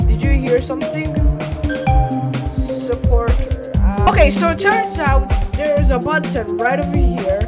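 A woman's voice: high voice, unhurried. A woman giving casual, slangy let's play commentary with surprised reactions, over game music. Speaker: gamer.

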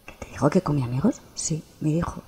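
A woman who tells a joke in hushed, slow storytelling. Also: deep voice, slight background noise. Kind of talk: joke telling.

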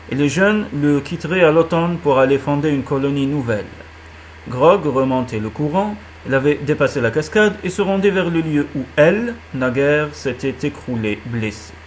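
Guy reading a kids animal story, calm, kinda high voice, faint hiss behind. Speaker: reader. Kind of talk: audiobook reading of a children's novel.

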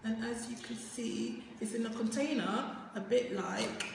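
A woman from London with a hoarse voice, chatting casually through a beauty box unboxing with lots of excited "ooh"s. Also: fairly high pitch, a little slow, a little hiss or hum. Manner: excited cooing, frequent "ooh". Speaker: beauty vlogger. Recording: echoey room with long reverb.

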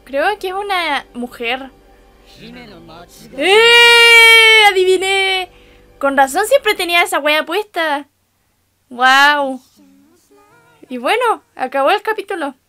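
A woman's voice: high voice, lively intonation, a little slow, sharp tone, soft background music. A young woman with a Chilean accent giving casual reaction commentary as an anime reaction host, exclaiming and making sympathetic asides to her viewers. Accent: Chilean Spanish.

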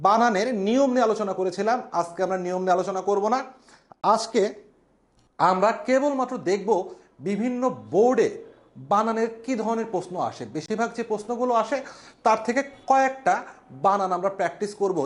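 Male spelling teacher, high-pitched voice, slow drawn-out repetition. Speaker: Bengali language instructor. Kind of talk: classroom lesson at a whiteboard.

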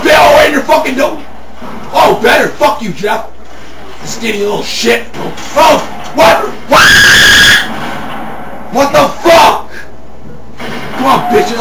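Young male gamer, explosive profane rants, shouting, roomy distant home-video sound. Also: very high voice. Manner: ranting, profane, explosive yelling. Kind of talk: angry trash talk while gaming. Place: dim living room at home. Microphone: handheld camera a few feet away.

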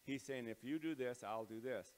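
F. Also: male voice, medium pitch. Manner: plain, halting delivery with many ums and uhs. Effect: big hall echo. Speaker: pastor leading morning devotions. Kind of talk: casual devotional talk and prayer. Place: large empty auditorium under renovation, bare floors. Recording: long echo of a large, empty hall.

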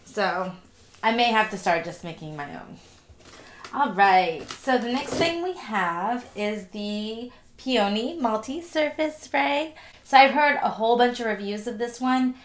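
A young woman talks through a casual unboxing haul, chatty and upbeat. Her nose sounds stuffy from allergies, and her middle-pitched voice rings in an echoey room. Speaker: vlogger.

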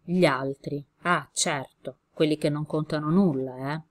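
A steady, protective male innkeeper from a storybook, as a woman reads him aloud. He speaks in short, gruff commands and plain, kindly words. The voice sits low and deep. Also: a little slow. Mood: calm.

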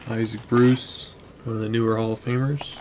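A man with a lowish voice and flat delivery narrates at a moderate pace as he sorts collectibles at his desk at home. He's a card collector vlogger, chatty and muttering card names, with background noise in the clip.

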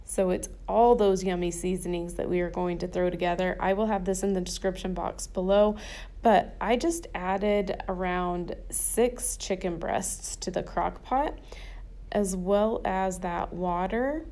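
Woman, mellow warm voice, chatty and upbeat, casual voice-over. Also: lowish voice, steady tone, unhurried. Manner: chatty and upbeat, repeats herself. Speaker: cooking channel host.

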